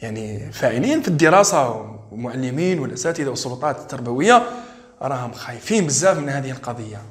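An Algerian man teaching English for an exam, reading sentences slowly and repeating words to drill pronunciation. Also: mid-range voice, animated, reverberant. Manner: switches between English and dialect, reads English slowly and drills pronunciation. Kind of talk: exam-prep lesson.

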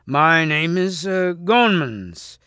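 A man voicing a gentle, kindly old knight who speaks slowly and calmly. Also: fairly high pitch, clean tone, dry recording, studio quality, voice pushed up, heavily acted.

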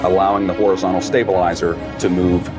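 A man's voice: low voice, flat delivery, fast. A man giving technical explanations as an expert in a documentary interview. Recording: loud music under interview. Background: loud music.

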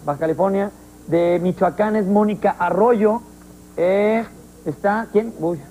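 Joking Mexican talk show host. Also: male voice, high voice, warm tone, slight background noise, low-quality recording. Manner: joking, teasing, quick interjections. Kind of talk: live studio talk show banter.

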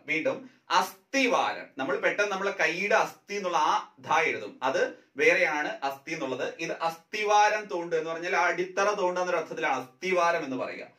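A young man teaching an exam-prep lesson, saying each word slowly and repeating it, often checking whether the listener has understood. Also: on the high side, bright, forceful tone. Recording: echoey room.

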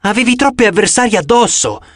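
Male reader as an irritated teen boy hero, pitched up, dry close sound. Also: expressive, brisk, a bit bright, no room sound. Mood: heated. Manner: raised, heated voice. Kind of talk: audiobook character voice.

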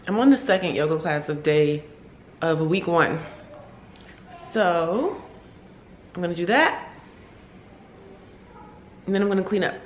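A young woman vlogging casually at home about her wellness routine, relaxed and chatty with loose fillers. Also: low voice, slight background noise. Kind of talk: casual vlog chat. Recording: roomy echo, faint room ambience.

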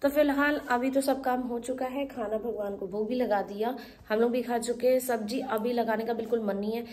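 A woman's voice: fairly high pitch, steady tone, a little fast, a little mellow. A woman in her forties chatting casually to viewers in a daily vlog, filmed on a phone at arm's length in her home. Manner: chatty, addresses viewers directly, gestures while talking. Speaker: vlogger. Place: home rooms and kitchen, indoors. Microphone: phone held at arm's length.

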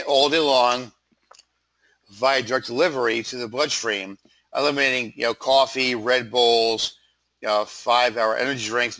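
A man presents slides in an informal, conversational sales-pitch style. His voice is froggy yet bright and forceful, sitting at a middling pitch. He leans on lists with emphasis. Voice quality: froggy, throat-clearing voice. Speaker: PR company presenter.

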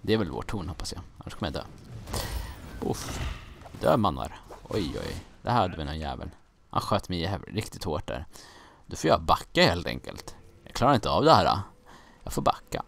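Here a Swedish let's-player in his youth talks casually over his gameplay, wandering off topic, cracking jokes, losing track, and letting slip some mild curses. He has a deep, creaky, fairly bright voice with a sing-song lilt and long pauses, against slight background noise.

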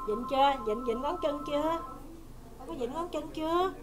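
A woman's voice: sits high, normal speed, music in the background. A woman bantering and teasing with jokes in a casual chat in a nail salon.

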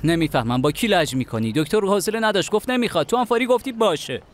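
An actor dubbing a protective young husband who talks in a worried, insistent way. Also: male voice, high-pitched, animated, music in the background. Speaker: dubbed drama character. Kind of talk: Persian TV dub acting.

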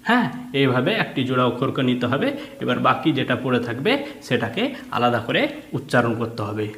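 A man's voice: mid-range voice, expressive, brisk, fairly bright tone. A man teaching a reading lesson, patiently spelling words out letter by letter and then blending them. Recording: echoey room.

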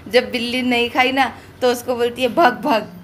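A woman from India talks straight to her phone camera in a relaxed, chatty home-vlog style. Her voice sits a little high, and she sounds sore from dental treatment. Faint household ambience hums behind her. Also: a little fast, a little hiss or hum. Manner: chatty, addresses viewers directly. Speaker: vlogger. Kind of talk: casual home vlog narration. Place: home and hospital, indoors.

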